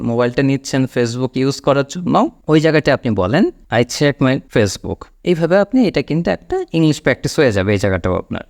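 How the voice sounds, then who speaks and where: A young man with a Bengali accent, teaching spoken English in a patient, explaining manner and slowing down on example sentences. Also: medium pitch.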